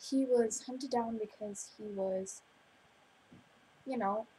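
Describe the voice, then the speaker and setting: A teenage girl co-hosting a casual vlog, speaking in short, low-key remarks. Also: takes it slowly, mellow, slight background noise, poor audio. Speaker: vlog co-host. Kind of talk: casual chat.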